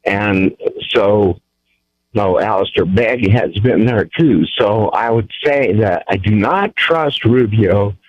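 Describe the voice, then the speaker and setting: Slow, firm man calling on a dull line. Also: on the low side, no echo. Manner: deliberate, firm, opinionated. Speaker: caller. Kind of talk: phoning in to a radio show.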